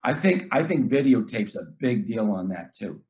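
A man's voice: on the low side, very animated, normal speed, a little mellow. A middle-aged man, a basketball coach, talking earnestly in casual chat, often repeating words and acting out what he tells his players.

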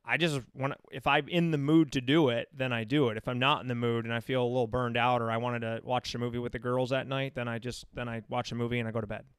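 American guy in his 30s just chatting and telling stories, clean crisp voice, no room echo. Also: mid-range voice, little pitch movement, fast talker, hardly any pauses. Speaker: interview guest, running coach. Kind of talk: casual chat.

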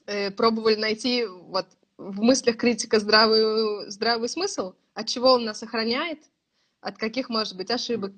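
Her voice is slightly high and a bit bright: a writing course teacher in her thirties, talking casually and thoughtfully as she explains at length, with occasional laughter.

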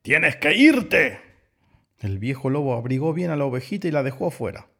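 Guy with a gravelly voice reading a kids story, slow and gentle. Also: medium pitch, animated. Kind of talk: children's story read aloud.

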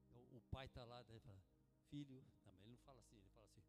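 A man preaching a sermon at a church service, energetic and conversational, using slang and calling out to his congregation. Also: mid-range voice, very fast. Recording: long church-hall reverb with music.

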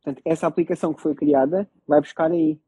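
A man with a European Portuguese accent talks through ideas in a casual panel chat. His voice is dark, very husky and quick, and he repeats himself as he explains. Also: fairly high pitch, steady tone, no echo, poor audio. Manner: explanatory, repeats phrases, checks listeners follow.

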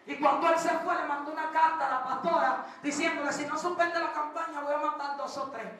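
A woman preacher, delivering a fervent sermon that swings between shouting and hushed testimony. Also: sits high, steady tone, fairly quick. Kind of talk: Pentecostal-style sermon. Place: large church hall. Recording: very echoey hall, distant mic, congregation.

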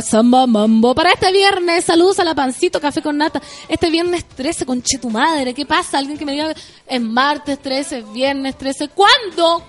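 Loud playful Chilean woman, high voice. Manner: loud, playful, slangy, bursts into song. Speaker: radio show host. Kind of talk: casual chat, reading listener messages.

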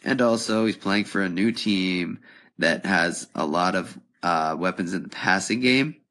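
A young man hosts a podcast on his own, musing out loud and filling pauses with ums. His voice sits very low with a gravelly, fry-laden texture. It sounds worn and slightly hoarse, as if he has been talking for a while. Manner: casual, thinking aloud with frequent ums. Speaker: podcast host. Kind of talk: solo podcast commentary.

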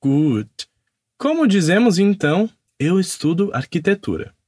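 A man's voice: high voice, sing-song, unhurried, a little mellow, no room sound, clean studio sound. A man teaching a podcast language lesson. He enunciates repeat-after-me drills carefully and follows them with upbeat praise.

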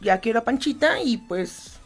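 A woman co-hosts a light radio talk show. She throws in quick jokes and playful asides between her points. Faint music runs in the background. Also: fairly high pitch, expressive, breathy edge. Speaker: radio co-host. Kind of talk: casual chat show.

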